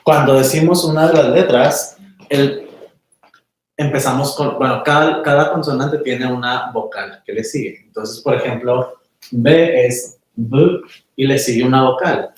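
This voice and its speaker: A man teaching a small class in a relaxed, conversational way, often checking that his students follow. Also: mid-range voice, measured pace. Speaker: meditation teacher. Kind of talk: casual class lecture. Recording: very echoey room, mic far off.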